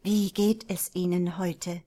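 A woman voicing a calm, measured, unseen interrogator speaking over a loudspeaker. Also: lowish voice. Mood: soothing.

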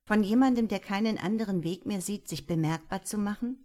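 A woman's voice: mid-range voice, a little fast, dark tone, natural voice. A woman voicing a thoughtful, earnest female police detective in a crime audiobook, speaking firmly and reproachfully.

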